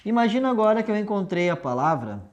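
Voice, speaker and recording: A woman's voice: medium pitch, sing-song, fast, darkish tone. Woman teacher, patient step-by-step explainer, affectionate with students, whiteboard lesson. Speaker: language teacher. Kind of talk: recorded video lesson at a whiteboard.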